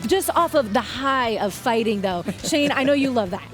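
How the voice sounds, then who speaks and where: Female fight-night host, upbeat sports presenting, slightly high voice, music behind. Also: expressive, normal speed, a bit bright. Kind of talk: upbeat sports broadcast hosting.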